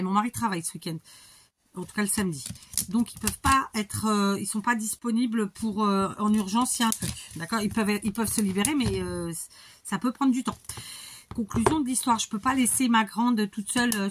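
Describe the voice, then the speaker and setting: A woman's voice: mid-range voice, a little hiss or hum. A woman in her forties chatting casually to her viewers while she works on a craft project, rambling with many fillers and restarts. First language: speaks Portuguese too. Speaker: crafter vlogger.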